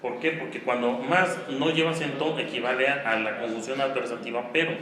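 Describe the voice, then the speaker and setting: A man's voice: mid-range voice, fairly even intonation, fairly quick. A man with a Mexican Spanish accent giving an online grammar lesson, explaining step by step and often checking in with the class. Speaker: teacher. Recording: very echoey room, faint noise.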